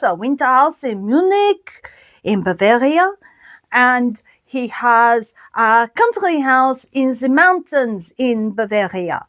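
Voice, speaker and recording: A book channel host with a high voice and a French accent gives a casual book review. She speaks in halting phrases, restarts often, and sprinkles French words into her talk.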